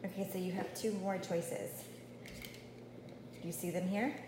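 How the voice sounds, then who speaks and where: A mother playing with her young son, talking in coaxing sing-song baby talk and gently prompting him. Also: on the low side, fairly even intonation, unhurried, very echoey, big-room sound, noisy background. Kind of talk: playful baby talk to a child.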